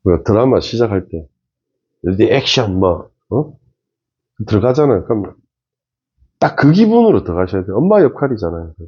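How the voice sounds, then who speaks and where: A man with a low, husky voice comments on a TV show in a casual way and speaks straight to his viewers. His pitch swings widely as he makes his points with emphasis. The recording sounds dull and lo-fi. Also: very animated, normal speed, long pauses, dark tone. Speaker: face-reading commentator.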